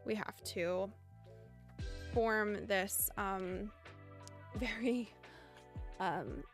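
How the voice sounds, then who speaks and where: With faint music behind her, a young American woman talks casually to viewers at medium pitch and an extremely slow pace. Her General American speech wanders thoughtfully, and she laughs a lot.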